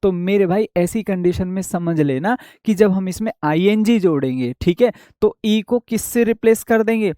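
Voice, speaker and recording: A man's voice: sits high, moderate pace, few pauses, warm tone, no echo, studio quality. A young man teaching English spelling rules in an online class, asking and answering his own questions and repeating key points.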